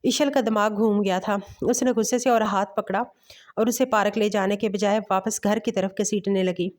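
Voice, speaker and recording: A woman storyteller narrating a romantic novel in steady bedtime-story reading. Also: mid-range voice, normal speed.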